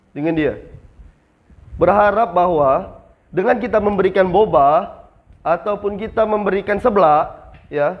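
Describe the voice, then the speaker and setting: A young man training new retail staff in a classroom, asking the class questions and answering them himself. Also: high voice. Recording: slightly dull lo-fi sound.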